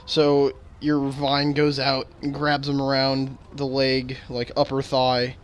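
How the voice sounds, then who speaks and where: A man narrating as dungeon master in a casual tabletop game, with halting restarts and filler words. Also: mid-range voice, monotone, a little hiss or hum.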